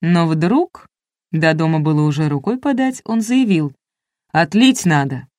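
A woman's voice: deep voice, lively intonation, normal speed, warm tone, no room sound, clean studio sound. A woman narrating a first-person audiobook in a wry, ironic storytelling manner.

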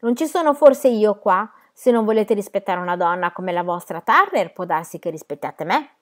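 A woman's voice: mid-range voice, animated, normal speed, lightly acted. A woman reading a novel aloud, voicing a brash, commanding man who throws out troublemakers. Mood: forceful. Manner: loud, commanding. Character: rowdy brash man defending the owner.

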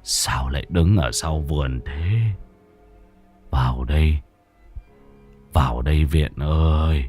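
A man's voice: extremely low pitch, takes it slowly, long pauses, darkish tone, faint music behind, voice pushed down. A man voicing a frail, bedridden old husband who calls out faintly. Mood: eerie, feeble. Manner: faint, whispery calling.

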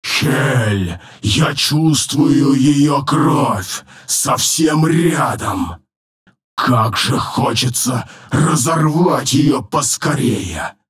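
A man voicing an arrogant, cruel male demon lord in an audiobook, his rough, rumbling voice thickened with a layered demonic effect. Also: lively intonation, heavily acted. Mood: commanding. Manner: slow, menacing, commanding. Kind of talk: audiobook narration with voiced characters.

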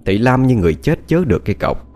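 A man narrating a ghost story audiobook in a steady storytelling voice. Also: medium pitch, fast talker. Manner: steady storytelling with lively intonation. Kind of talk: scripted narration.

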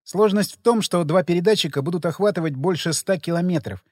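Chimera: a man putting on a sharp-tongued young woman. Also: high-pitched, a little fast, dry recording, clean studio sound, long reverb tail. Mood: brisk. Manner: curt, caustic retorts.

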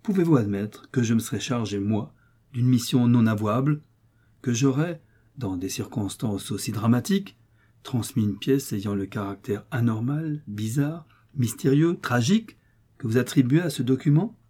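Male reader as a fatherly old notary, coaxing and slippery, dark husky voice. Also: medium pitch, normal speed, natural voice. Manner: soothing then firmly refusing. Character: older male notary, smooth and evasive.

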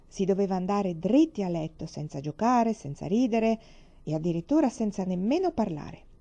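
Woman, calm measured storybook reading, dark mellow voice, lowish pitch. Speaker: reader. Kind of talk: storybook narration. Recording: dull lo-fi recording.

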